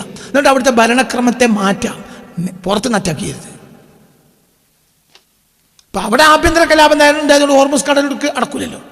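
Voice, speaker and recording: High-voiced man preaching in a hall. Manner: animated, asks and answers his own questions; reads news reports aloud and explains them. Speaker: Islamic preacher. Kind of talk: sermon-style talk on current events.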